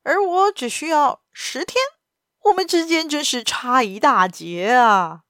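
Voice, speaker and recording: A woman reads out a suave gentleman thief who mocks his rival in a quick, confident voice. The lines come through a dry, close recording with little room sound, and his voice sits only a little off from the reader's own. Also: high-pitched, smooth, dry recording, pitched above the performer's own voice. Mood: mocking. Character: mocking, suave gentleman thief, adult man.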